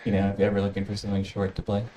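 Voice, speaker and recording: A man's voice: on the low side, monotone, rapid-fire, mellow. A man co-hosting a livestream in casual chat, recorded with some faint background noise.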